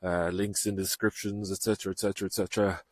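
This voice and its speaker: A man's voice: low voice, level tone, fast, a little mellow. A man hosting a podcast, giving a chatty, rambling and self-deprecating outro while out on a walk. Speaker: podcast host. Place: outdoors on a walk.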